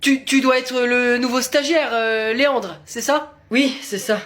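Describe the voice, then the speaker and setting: A woman's voice: on the high side, fairly even intonation, measured pace, a bit bright. A woman playing a fussy, squeamish male office coworker who stammers when flustered. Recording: noisy background.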